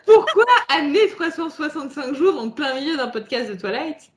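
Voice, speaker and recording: Woman, podcast co-host, high voice, casual chat, laughs often, reads passages aloud. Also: sing-song, normal speed.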